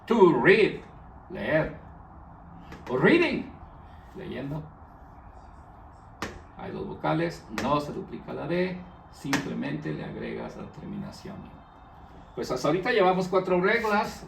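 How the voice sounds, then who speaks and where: A man's voice: on the high side, very animated, unhurried, creaky, recorded from a distance, slight background noise. A man teaching an English grammar lesson, explaining rules patiently and repeating them, stressing each English word. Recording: echoey room, voice off-mic.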